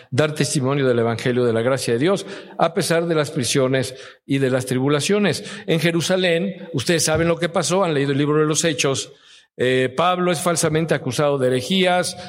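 A man preaches to his congregation in a slightly raised register. He keeps turning to his listeners with questions. The sound carries the long reverb of a big church hall. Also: on the high side. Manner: asks the listeners frequent questions. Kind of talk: sermon.

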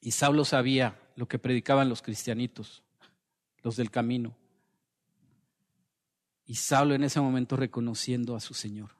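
A man preaching a sermon as pastor, building to impassioned peaks and dropping to soft, slow quotations. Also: medium pitch, fairly even intonation, big-room sound.

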